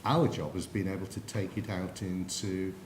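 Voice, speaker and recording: A man's voice: low-pitched, steady tone, normal speed, darkish tone, a little hiss or hum. English man lecturing in an echoey room. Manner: anecdotal, addresses the audience directly. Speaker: conference speaker. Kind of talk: presentation to an audience.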